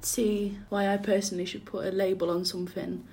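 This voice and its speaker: A woman's voice: medium pitch, level tone, a little fast, a little mellow. A young woman, casually hosting a group discussion and giving her views. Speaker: discussion host. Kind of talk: casual chat.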